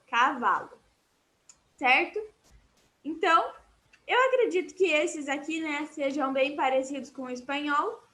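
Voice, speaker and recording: Brazilian teacher lady, high voice, talks slow and patient, repeats words for the class over a call. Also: a bit bright. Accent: Brazilian Portuguese. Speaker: Portuguese teacher. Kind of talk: online class explaining vocabulary. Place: online class.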